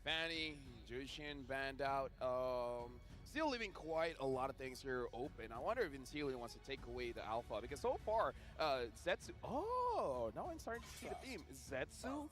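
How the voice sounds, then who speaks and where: A man's voice: medium pitch, big pitch swings, moderate pace, few pauses, a bit bright, faint music behind. A man co-casting an esports broadcast, with playful, joking banter while breaking down the draft. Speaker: esports co-caster.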